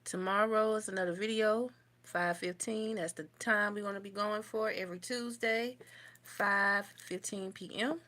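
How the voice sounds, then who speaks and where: At home, a young woman beauty vlogger does her makeup on a livestream, chatting casually and replying to viewer comments as she works. Her mid-range voice is sharp in tone and steady, at a moderate pace.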